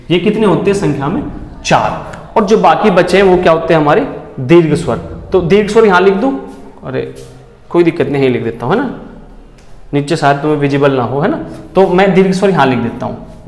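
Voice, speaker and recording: A male teacher giving an exam-prep grammar lesson, who keeps asking questions and answering them himself and often checks that the class understands. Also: high-pitched. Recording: echoey room with long reverb and faint background noise.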